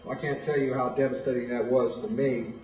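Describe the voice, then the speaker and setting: A man's voice: medium pitch, little pitch movement, brisk, darkish tone, a little hiss or hum. A man, telling his own story in plain, direct words as a guest speaker at a school. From Illinois, USA. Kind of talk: personal testimony speech. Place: high school hall. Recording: echoey hall, voice from far off.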